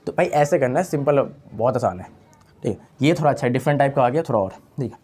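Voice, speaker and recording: Young male tutor, mid-pitched, chatty classroom delivery, repeats terms and quizzes himself aloud. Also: expressive, quick pace, darkish tone, a little hiss or hum. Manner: casual, repeats key terms, asks and answers own questions. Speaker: chemistry teacher. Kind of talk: online lecture.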